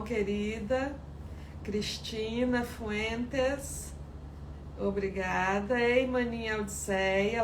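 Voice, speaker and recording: A woman teaching sourdough on a live stream, chatty and greeting viewers by name. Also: a little high. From Espírito Santo, Brazil. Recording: echoey room with faint background noise.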